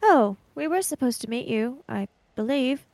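A woman's voice: sits high, animated, normal speed, darkish tone, no echo. A woman playing a tabletop game in character, with a dry, sardonic manner. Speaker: player.

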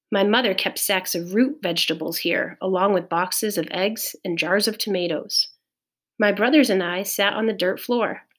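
A woman reading a children's novel aloud in a measured, clear storytelling voice. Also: medium pitch. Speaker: audiobook reader. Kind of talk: scripted narration of a children's novel.

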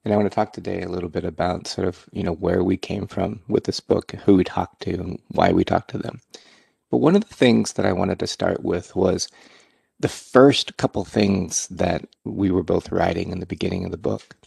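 A man, a co-author hosting the talk, speaking in a relaxed way with many fillers. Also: deep voice, moderate pace, vocal fry, husky, no room sound. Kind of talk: casual conversation.

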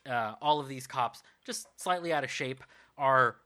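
Guy game master narrating, rambly, lots of uhs, bright voice. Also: medium pitch, moderate pace. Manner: rambling, many ums and uhs.

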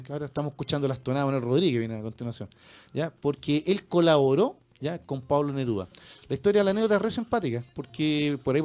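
This Chilean radio host has a somewhat high, slightly mellow voice. He chats casually about music, constantly tacking little tag questions onto his sentences, with faint music behind him.

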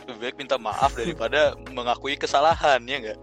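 Slangy young man telling a rambling story, relaxed chat over background music. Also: medium pitch, brisk. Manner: slangy, rambling, laughs through his story. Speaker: guest storyteller. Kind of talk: casual chat.

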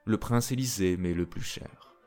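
A man reading a storybook, voicing a gentle, earnest young princess in a soft way. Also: deep voice, normal speed, faint music behind, close to an everyday voice.

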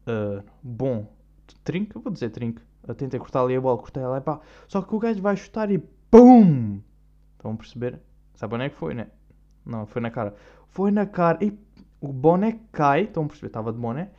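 A man's voice: a little high, mellow. A young man with a European Portuguese accent, hosting a podcast in a rambling, slang-heavy casual monologue. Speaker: podcast host. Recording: dull lo-fi recording.

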